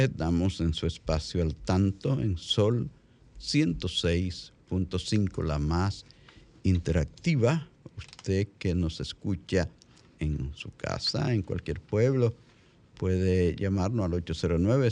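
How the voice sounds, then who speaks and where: Deep, slow Dominican male radio host. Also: expressive, a little mellow. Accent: Dominican Caribbean Spanish. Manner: halting, repeats phrases as he explains. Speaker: radio talk show host. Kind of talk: unscripted radio chat.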